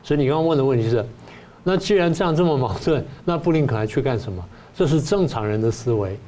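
Older guy, professor type, talks fast, acts out both sides, darkish voice. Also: mid-range voice, a little hiss or hum. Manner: animated, acts out both sides in the first person. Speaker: political science professor guest. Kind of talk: talk-show analysis.

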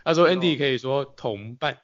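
A male panelist speaks. His delivery is conversational, as in relaxed banter among sports fans. The sound is slightly dull. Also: medium pitch, moderate pace.

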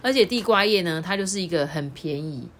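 A woman's voice: fairly low pitch, lively intonation, a little fast, a bit bright, a little hiss or hum. A woman reading a children's picture book aloud, with chatty explaining asides. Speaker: storyteller.

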